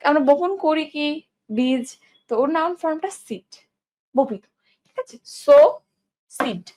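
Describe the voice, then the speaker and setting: A young woman teaching an online English class, asking questions and answering them herself as she drills word forms. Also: high voice.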